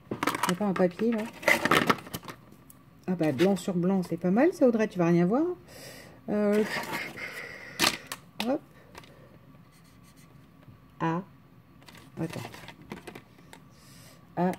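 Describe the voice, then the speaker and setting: A woman's voice: fairly low pitch, slow pace, pauses often, noisy background. A woman with a rural French accent, chatting casually to viewers in a haul video, rambling with hesitations and restarts. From France. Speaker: vlogger showing a craft haul.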